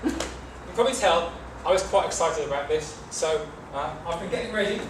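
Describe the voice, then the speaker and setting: A young British man delivers a humorous tall-tale speech to a live audience, telling it theatrically with dramatic pauses and emphasis. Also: fairly high pitch, animated. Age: 20s or 30s. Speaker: club speech contestant. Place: echoey meeting room with an audience. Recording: roomy, noisy, distant microphone.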